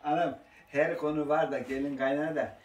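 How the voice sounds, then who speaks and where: Fast-talking teasing husband. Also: male voice, on the high side, fairly even intonation, darkish tone, roomy sound, distant mic, low-quality recording. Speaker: husband of the vlogger. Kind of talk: casual teasing banter. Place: home kitchen while cooking.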